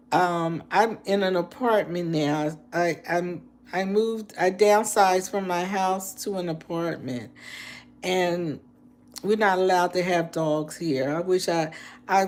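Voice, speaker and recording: A woman in her late sixties speaks to her live-stream viewers in a slow, unhurried way. She sounds heartfelt and a little preachy, and she circles back to the same phrases to press her point home. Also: on the low side. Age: 60s. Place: indoors, apartment.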